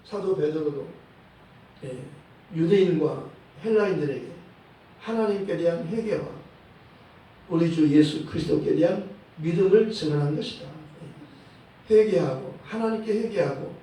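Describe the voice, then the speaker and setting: A male pastor preaching a sermon in a church, in a measured way, often dropping a short "yes" between phrases and quoting verses. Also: fairly high pitch, mellow. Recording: echoey hall, voice from a distant mic.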